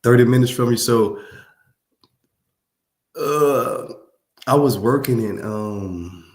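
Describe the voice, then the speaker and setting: A man's voice: medium pitch, slow, roomy sound. A man from Louisiana, hosting a casual livestream, reading viewer comments and talking to them in a laid-back, slangy way. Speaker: livestream host.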